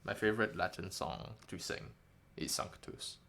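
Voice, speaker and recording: A man with a deep voice, steady tone, and vocal fry speaks at a moderate pace, his tone fairly bright. An indie game developer with a light New Zealand English accent, he chats casually and wryly while streaming a devlog, rambling and often correcting himself.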